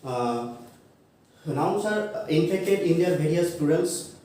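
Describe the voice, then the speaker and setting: A man giving a college English grammar lecture, halting with many fillers and self-corrections, spelling words out letter by letter. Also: a little high, expressive, mellow. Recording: echoey room, mic far off, faint noise.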